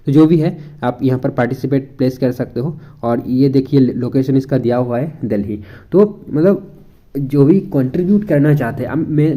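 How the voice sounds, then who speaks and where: A man's voice: mid-range voice, dull audio. A young man from India walking viewers through a website in a casual, chatty way, mixing Hindi and English and thinking aloud with frequent fillers. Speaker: education YouTuber. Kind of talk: casual screen walkthrough.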